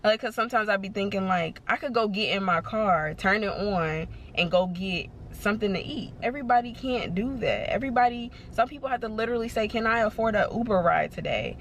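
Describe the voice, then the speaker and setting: A woman's voice: mid-range voice, fairly quick, hardly any pauses, fairly bright tone, a little hiss or hum. A young woman giving a casual, reflective motivational talk on her vlog, full of fillers and repeated words. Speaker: vlogger.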